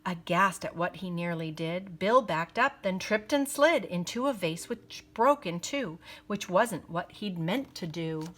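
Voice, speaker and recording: There's slight background noise as a woman with a lowish voice reads a children's picture book aloud in an expressive, deliberate storytelling manner.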